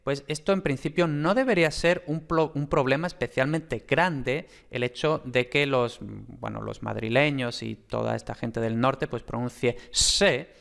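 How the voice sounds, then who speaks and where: Male teacher, explanatory lecturing voice, mid pitch, many fillers and pauses. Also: creaky. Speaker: phonetics teacher.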